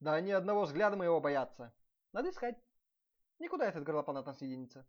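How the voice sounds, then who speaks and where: A man voicing a proud, hot-tempered prince of old who shouts commands at his servants. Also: fairly high pitch, big pitch swings, fast talker. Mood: raging. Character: furious proud old-time male prince, barking orders. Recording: dull lo-fi recording.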